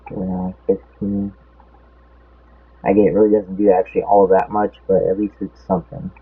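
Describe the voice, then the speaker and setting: In a low-pitched, husky voice with a level tone and moderate pace, a young man rambles through casual race commentary. He loses his count mid-sentence, his voice feels off, and the sound is tinny, as if over a phone.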